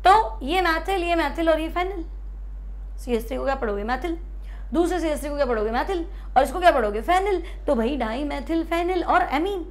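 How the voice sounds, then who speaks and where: With a high voice and lively intonation, an Indian woman teaches chemistry at the board. She moves slowly step by step, repeats the important terms, and answers the questions she puts to the class.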